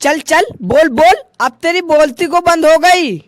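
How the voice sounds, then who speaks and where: A man's voice: extremely high pitch, a little slow, a little hiss or hum. A man voicing a sly, teasing older woman who plays a mother-in-law in a comic sketch. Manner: teasing, goading.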